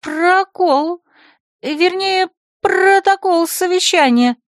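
A spoiled young secretary, squeaky and whiny, her voice pitched high and close to tears, as a woman narrator puts her on. The sound is dry and close, with no room around it. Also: slow pace, no echo.

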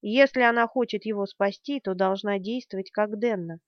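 A woman narrating a novel in a dramatic, expressive reading. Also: mid-range voice, moderate pace, dry recording, dull audio. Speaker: audiobook narrator. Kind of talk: scripted narration.

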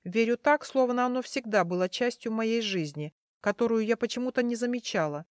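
A woman reading a first-person fantasy story as an audiobook narrator, in a measured storytelling manner. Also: on the high side, dry recording, studio quality.

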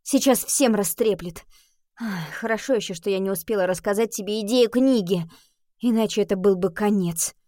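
A woman voicing a sharp-tongued teenage schoolgirl who wants to write a book, exasperated and sarcastic, in an audiobook. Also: mid-range voice, moderate pace, dry recording, studio quality, natural voice. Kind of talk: audiobook reading.

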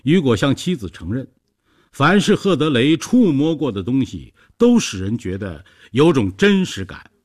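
A man narrates a story in a scripted, measured reading voice. His tone is slightly husky, and his pitch moves a lot, rising and falling through each sentence. He sounds like he is reading in a studio. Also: big pitch swings, a little mellow.

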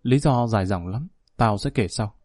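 Guy reading a sad young runaway in a storybook, quiet rueful telling, dry sound. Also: lowish voice, normal speed, no room sound, soft background music, close to an everyday voice.

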